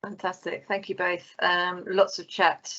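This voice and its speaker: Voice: mid-range voice, level tone, unhurried, sharp tone. A host moderating questions at an online event, with a friendly, filler-heavy delivery. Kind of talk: moderating a webinar. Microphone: video call. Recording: dull lo-fi call audio.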